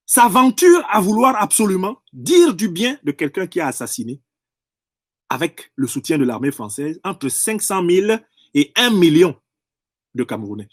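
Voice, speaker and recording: Speaking French with a high, slightly rough voice, this political commentator gives a fervent monologue recorded at studio quality without echo. His manner is emphatic and professorial, circling back to restate phrases until the point lands.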